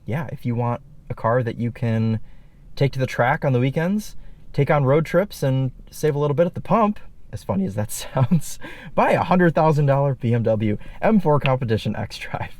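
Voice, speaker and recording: A man in his twenties hosting a casual car review, upbeat and chatty, talking from inside a car on the highway. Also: lively intonation, normal speed, darkish tone, dry recording. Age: 20s. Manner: upbeat, enthusiastic, chatty with fillers. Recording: clear road noise behind. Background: road and car noise.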